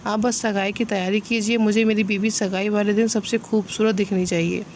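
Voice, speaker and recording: A man's voice: high-pitched, level tone, moderate pace, a little hiss or hum. Give me a playful, reassuring young fiancé, as a woman reads him. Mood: tender. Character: affectionate young man, teasing fiancé.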